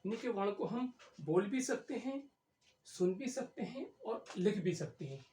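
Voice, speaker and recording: A woman teaching a Hindi grammar lesson, explaining slowly and repeating key words as she writes. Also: medium pitch, expressive, warm tone, slight background noise. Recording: echoey room.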